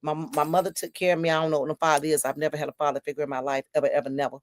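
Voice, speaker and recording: A woman in her fifties hosts her own podcast, talking straight to listeners and reading their comments aloud. Her voice sits low, and she preaches her points with lots of repetition. The sound is dry, with no room echo. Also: level tone, rapid-fire. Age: 50s. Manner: emphatic, preachy storytelling with repetitions. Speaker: podcast host. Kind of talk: solo podcast talk reading viewer comments.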